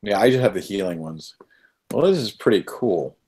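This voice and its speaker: A man's voice: lowish voice, animated, moderate pace, darkish tone, husky. A man chatting casually and joking as a player in a tabletop game session.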